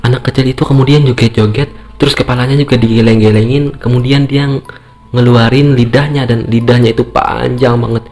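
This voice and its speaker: A man's voice: medium pitch, steady tone, brisk, darkish tone. A man telling a horror story informally and conversationally, repeating phrases for emphasis. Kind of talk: informal spoken storytelling, acting out dialogue. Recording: music playing behind the voice.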